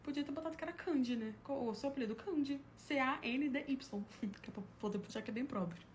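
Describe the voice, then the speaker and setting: A Brazilian woman casually tells comic stories from her own life, laughing at them and acting out what people said. Her voice is high and a little fast, with a slight hiss or hum in the recording.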